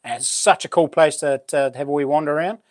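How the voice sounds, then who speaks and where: Matey Kiwi bloke with a broad accent. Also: male voice, fairly high pitch, fairly even intonation, fast, darkish tone, dry recording, clean studio sound. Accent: broad New Zealand. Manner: matey, informal, slangy. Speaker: livestream host. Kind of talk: casual live chat with viewers.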